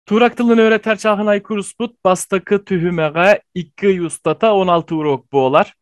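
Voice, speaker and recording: Male teacher, high voice, dry close sound, explanatory online lesson delivery with pauses. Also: dry recording. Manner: explanatory, pausing with fillers. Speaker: language teacher.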